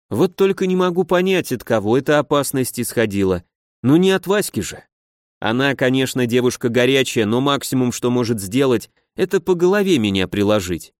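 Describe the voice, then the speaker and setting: A man narrating a first-person audiobook in an even, wry, conversational way. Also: mid-range voice, dry recording, studio quality. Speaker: audiobook reader.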